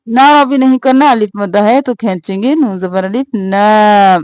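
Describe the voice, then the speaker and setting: A woman teaching Quranic recitation, drawing out verses slowly and explaining each sound briskly. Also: fairly high pitch, a little mellow, no room sound. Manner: slow drawn-out melodic recitation between brisk spoken instructions. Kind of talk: tajweed lesson, alternating slow recitation and quick explanation.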